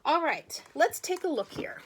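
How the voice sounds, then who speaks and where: A woman with a fairly high, sing-song voice speaks as a teacher to young children, very slowly and deliberately, using emphatic read-aloud phrasing. She adds chatty asides and encouraging questions, and a little hiss or hum is audible.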